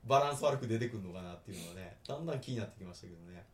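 A man's voice: lowish voice, racing. A man, chatting casually as a podcast co-host, laughing often and acting out quoted lines. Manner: animated, laughs often, slips into Kansai-style quoted lines. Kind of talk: casual chat about anime.

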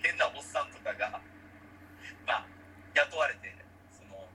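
A man from Osaka, co-hosting a casual chat and telling stories in a lively, animated way. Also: mid-range voice, unhurried, slight background noise, low-quality recording. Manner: lively, animated storytelling with laughs.

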